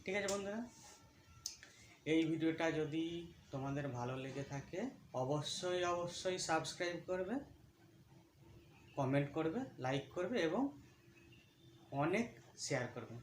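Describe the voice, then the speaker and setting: A man's voice: on the high side, animated, unhurried, pauses often. A man teaching a phonics lesson, reciting letter sounds one by one in a drilled, sing-song rhythm. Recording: echoey room with faint background noise.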